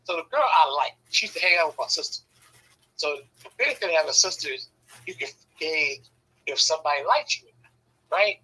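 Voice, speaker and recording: A man's voice: on the high side, lively intonation, brisk, pushed and bright, slightly rough, low-quality recording. A man casually telling a rambling, profane story, often checking in with "right?". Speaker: podcast host telling a story.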